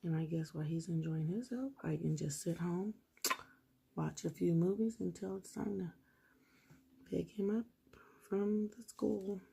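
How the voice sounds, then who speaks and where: A woman who is losing her voice sits at a table at home doing a nail tutorial, chatting casually and directly with viewers as she works. Her voice is on the low side, husky and gravelly yet warm, a little slow with frequent pauses, and there's a slight hiss or hum in the audio.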